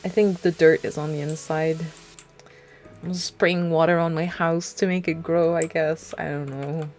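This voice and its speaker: A young woman talks her way through a game on a desk mic, rambling and poking fun at herself with frequent laughs. Her pace is unhurried. Soft music sits faintly underneath. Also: deep voice, steady tone. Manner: rambling, self-mocking, laughs often. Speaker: streamer. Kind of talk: casual gameplay commentary.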